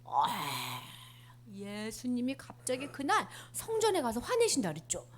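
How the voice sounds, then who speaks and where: Animated woman telling a children's sermon. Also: fairly high pitch, a little slow, slight background noise. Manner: animated, asks children questions.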